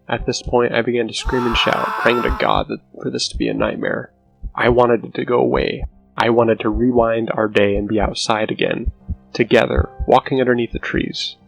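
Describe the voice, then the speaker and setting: A man reading a scripted scary story as narrator, with a low, hushed, haunting delivery and a gravelly creak in his voice. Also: poor audio. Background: music under the voice.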